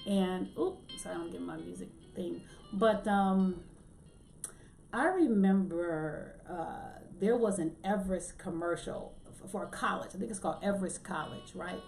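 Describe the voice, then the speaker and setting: A woman's voice: lowish voice, measured pace, vocal fry, darkish tone, faint music behind. Chatty woman podcast host in an echoey room. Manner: chatty and humorous, acts out quotes with a raised voice. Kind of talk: casual solo podcast talk.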